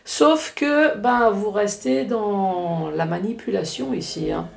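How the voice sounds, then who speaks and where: A woman with an Alsatian accent talks through a tarot reading in a loose, chatty way, slipping in jokes and tag words. Her voice has a gravelly fry. The room around her rings with echo. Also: mid-range voice, slow pace, a little hiss or hum. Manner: chatty, joking asides, frequent "hein" tags. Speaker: card reader. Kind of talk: casual tarot reading to camera.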